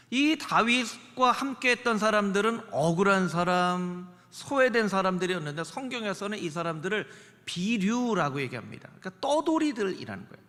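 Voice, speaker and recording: A male pastor preaching a sermon in an animated way, dropping his voice to act out the characters in the story. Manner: animated, acts out dialogue in lowered voice. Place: church sanctuary. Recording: reverberant church sanctuary.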